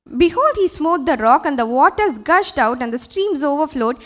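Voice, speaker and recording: A woman's voice: high voice, expressive, very slow, a bit bright. A woman interpreting a sermon, translating the preacher line by line in church.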